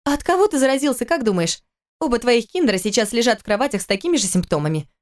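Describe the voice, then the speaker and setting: A woman reading a story aloud, voicing a worried, sarcastic wife and mother who scolds quickly and sharply in a raised voice. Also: a little high, sing-song, darkish tone, voice pushed up. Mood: scolding.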